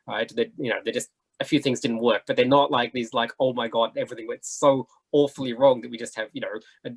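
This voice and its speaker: A man with a mid-range voice takes part as a panelist in a casual discussion, speaking conversationally. He is animated and often checks in with the listener.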